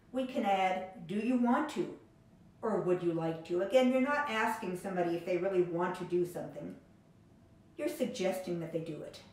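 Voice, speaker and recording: A woman with a lowish voice teaches English grammar in a slow, clear way, reading out example sentences. The recording carries heavy room echo. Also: darkish tone. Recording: very echoey room.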